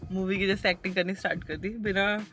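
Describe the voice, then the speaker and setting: A woman from India vlogging in a casual, chatty way. She mixes English phrases into her Hindi and tries to keep her pace slow and calm. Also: medium pitch, over music. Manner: tries to talk slowly and calmly. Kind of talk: casual vlog chat to camera.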